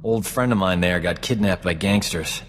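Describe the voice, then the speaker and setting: A cocky male frontier doctor from a video game, voiced as a companion character, speaks in a low voice at a moderate pace. He's a smooth-talking adventurer, casual and scheming, trading smug, flirtatious, self-assured banter. The recording carries long hall reverb with game music underneath.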